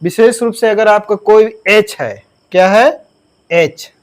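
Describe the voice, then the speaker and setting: A man teaching a grammar lesson in a high, light voice. He talks at an unhurried, steady pace and spells out each word letter by letter. He keeps asking his students questions, then answers them himself. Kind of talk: classroom lesson explaining grammar rules.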